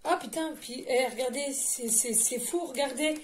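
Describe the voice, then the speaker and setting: A woman's voice: high-pitched, moderate pace. A woman giving a channeled card reading, effusive and chatty, talking straight to her viewers. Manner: addresses listeners directly and often. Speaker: tarot and oracle card reader.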